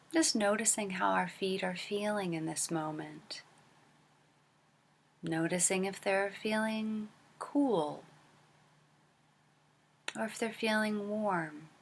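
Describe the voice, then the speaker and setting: In a mid-range voice, a female teacher leads a guided body scan meditation. Her pace is slow and gentle, with long silences, and each phrase ends on a soft, breathy note.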